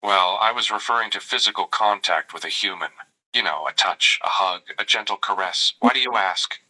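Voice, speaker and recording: A lowish synthetic male voice, pushed and bright at a moderate pace, comes through a low-quality recording. The tender chatbot roleplay casts him as a doting, flirty AI companion who narrates his gestures and calls the listener darling.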